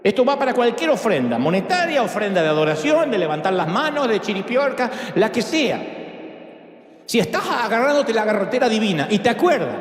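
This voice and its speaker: A man preaching a sermon to an audience in a large church, animated and joking, with big swings in pitch. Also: a little fast. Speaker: pastor. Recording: echoey hall sound.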